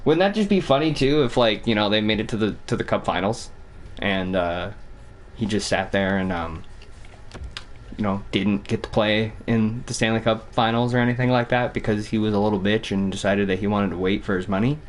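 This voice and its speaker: A young man from Vermont streaming a hockey game, chatting casually and thinking out loud with some cursing. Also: lowish voice, fairly even intonation, fairly quick. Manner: rambling, cussing, thinks out loud. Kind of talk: casual gaming commentary.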